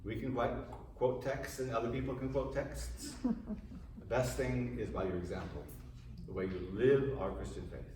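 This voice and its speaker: The voice is mid-range and a little mellow, with fairly even intonation at a moderate pace. It's a priest giving a parish group an informal class lecture in a big room with a live audience, chatting conversationally and asking them questions, recorded from afar with big echo and slight hiss.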